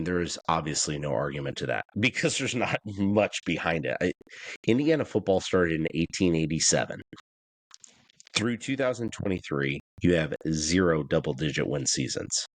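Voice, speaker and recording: A man co-hosting a sports podcast, talking in a rambling, animated way and laughing often. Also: deep voice, normal speed, dry recording. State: a bit out of breath. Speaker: podcast co-host. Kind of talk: casual sports chat.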